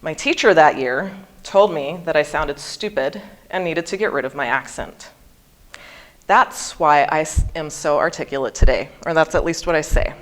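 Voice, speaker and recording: A guest speaker, a woman in her early forties from Hawaii, delivers a prepared seminar talk. Her voice sits low and moves at a normal speed, and she articulates every word with deliberate, almost exaggerated care.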